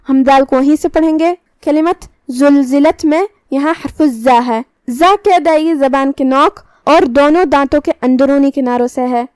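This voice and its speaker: A woman teaching Quran recitation, explaining each letter's pronunciation step by step and reciting the verses slowly. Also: high voice, a little mellow, no echo. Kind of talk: tajweed lesson with slow recitation.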